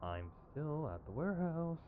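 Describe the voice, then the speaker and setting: A man with a slightly high, very animated voice plays a protective, principled villain who's exasperated, in an ASMR audio roleplay. His delivery is sardonic, emphatic, and conversational, casual in mood and at a moderate pace, recorded with phone-quality sound and clear background noise.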